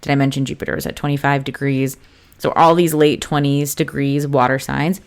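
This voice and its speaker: Low-voiced woman with vocal fry. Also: level tone, brisk. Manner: chatty, loose and informal, with frequent fillers and asides. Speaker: astrologer and podcast host. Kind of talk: casual solo podcast talk. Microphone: close podcast mic.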